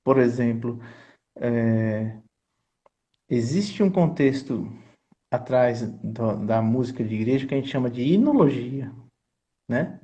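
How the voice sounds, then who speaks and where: Man, choir conductor, teacherly explaining, mellow voice, muffled lo-fi sound. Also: medium pitch, animated, slow pace, pauses often. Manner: earnest, teacherly, keeps checking in with the listener. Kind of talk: explanatory conversation.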